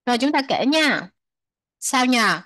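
A woman teaching English to children, repeating words slowly, translating them and chatting with soft sentence endings. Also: fairly high pitch, big pitch swings, no echo. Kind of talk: explaining a textbook lesson to children.

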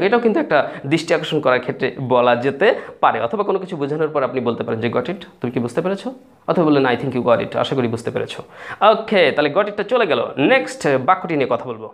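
A man teaching English phrases in a casual video lesson, repeating and spelling out words for viewers while writing on a board. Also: a little high. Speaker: English tutor.

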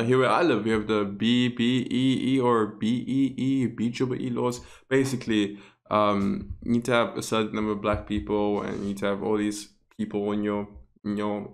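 Dude ranting to his viewers, sarcastic, lowish voice. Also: moderate pace. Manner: sarcastic, talks straight to viewers. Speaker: vlog host. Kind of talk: casual opinion commentary.

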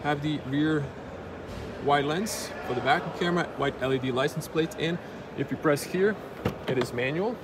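A man's voice: fairly high pitch, normal speed. A man walking around a car at an auto show, pointing out its details in a plain, matter-of-fact way, filmed on a handheld camera. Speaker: car reviewer. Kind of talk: walkaround car review. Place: indoor auto show hall. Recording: noisy auto show floor.

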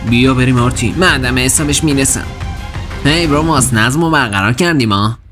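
A bossy teenage boy hall monitor lays down the rules in a low, commanding voice, dubbed by a woman. He is strict and unbending in this dubbed kids' video drama. Faint music sits under him. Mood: gruff.

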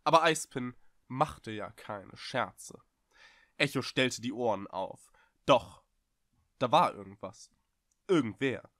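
A man reading a fantasy story aloud, expressive and vivid, with a dry close studio sound. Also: mid-range voice, slow pace, long pauses, no echo. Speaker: audiobook reader.

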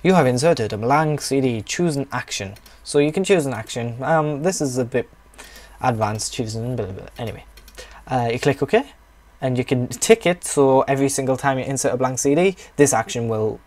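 A man's voice: mid-range voice, darkish tone. A young man with a northeast English accent talks through a computer tutorial in a rambling, chatty way, with offhand asides. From northeast England. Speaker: tutorial maker. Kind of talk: casual screen-recorded tutorial.

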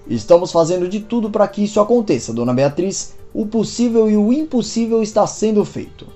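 A woman reading the lines of a male hospital doctor delivering bad news in a formal, measured way. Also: medium pitch, lively intonation, warm tone, soft background music, natural voice. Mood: grave.

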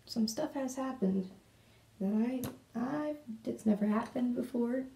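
Female vlogger, chatty and rambling, low gravelly voice, roomy echo from a distant mic. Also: unhurried, mellow. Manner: rambling, chatty, talks to her cat. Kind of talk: casual chat while doing makeup. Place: room at home. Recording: echoey room, mic at a distance.

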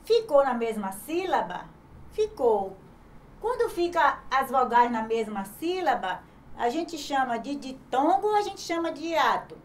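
Slow, patient woman teaching children. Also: high-pitched, very animated, slight background noise. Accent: Brazilian Portuguese. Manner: slow, patient, spelling words out syllable by syllable; asks the class questions and answers them herself. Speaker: primary school teacher. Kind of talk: online grammar lesson for children.

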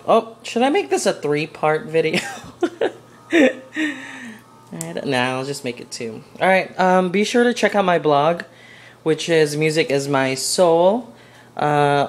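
A young woman vlogs from her home kitchen, chatting casually and giggling as she rambles through her cooking. Her voice sits low, and there's a bit of background noise.

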